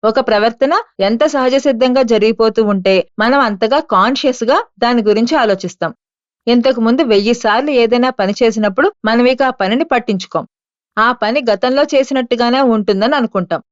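Woman, audiobook narration, steady measured reading, close dry mic, slightly lo-fi sound. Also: fairly high pitch, dry recording.

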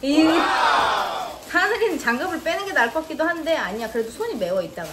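Mom vlogger, high bright pitch, very animated, sing-song coaxing of children. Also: female voice, quick pace, a loud crowd, heavy background noise. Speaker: mother and vlog host. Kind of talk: casual instructions to children mixed with product narration.

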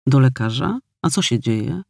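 A man reading an audiobook, voicing a hurt, quick-tempered young woman who speaks in an irritated, demanding way. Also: mid-range voice, expressive, vocal fry, mellow, no echo, studio quality.

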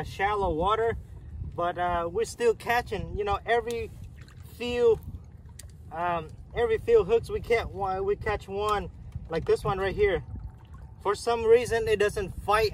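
High-voiced man narrating from a windy canoe. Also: a little slow, poor audio. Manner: chatty, repeats himself, points things out as he works. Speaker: fishing vlogger. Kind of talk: casual play-by-play narration. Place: canoe on an open lake, outdoors. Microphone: camera mounted on the canoe, a few feet away. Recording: windy outdoor lake noise. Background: wind and lapping water.

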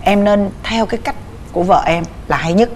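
A Southern Vietnamese woman hosts a TV couples show from the studio. She speaks in a mid-range voice and talks in an animated, coaxing, motherly way as she gives advice. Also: mid-range voice, normal speed, a little hiss or hum. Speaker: talk show host. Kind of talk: warm advice and coaxing talk.

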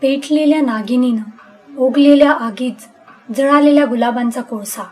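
A woman gives a dramatic first-person story reading, in a clearly high voice. Her delivery is expressive and intense, leaning into every image. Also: moderate pace, faint music behind, low-quality recording. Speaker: story reader.

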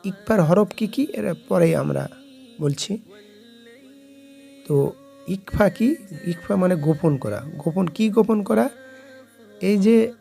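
Male recitation teacher, slow gravelly delivery, soft music bed. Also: a little high. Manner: slow, drawn-out recitation of Arabic examples. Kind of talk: slow explanatory lesson with slides.

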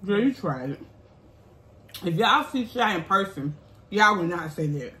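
A woman's voice: medium pitch, animated, unhurried, fairly bright tone. A woman in her thirties chatting casually as a vlogger, blunt and emphatic, sassy in how she answers viewer comments. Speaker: vlogger and mukbang host. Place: indoors, small bare-walled room at home. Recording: roomy echo, faint background noise.

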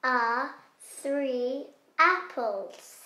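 A woman's voice: sits high, expressive, very slow, bright, forceful tone. A woman acting as an eager pupil in a playful classroom skit for children, fumbling her words. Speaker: co-host playing a pupil. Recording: roomy echo.

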